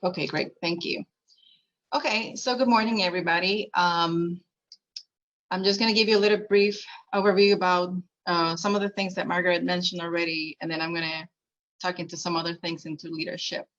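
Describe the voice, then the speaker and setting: A woman from Puerto Rico gives a conference keynote over a video call, telling personal stories earnestly and using fillers. Her low voice is steady, a bit bright, and a little fast, and the sound is lo-fi.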